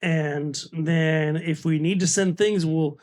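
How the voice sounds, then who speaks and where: In clean studio sound with no room sound, a man walks through an audio gear demo slowly and chattily, narrating each step to himself as he goes. His voice is a little high, steady in tone and a little mellow, keeping the instruction casual and hands-on.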